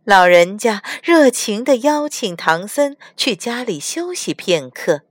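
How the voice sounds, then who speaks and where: A woman reading a children's storybook aloud in an expressive, sing-song way, as a storytelling mother. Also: mid-range voice, slow pace, no room sound, clean studio sound.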